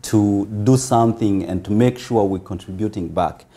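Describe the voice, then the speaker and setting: A man from Congo, the guest of an interview, speaking in a measured way with pauses and fillers. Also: on the low side, warm tone. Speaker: interview guest, foundation founder. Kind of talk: casual interview talk.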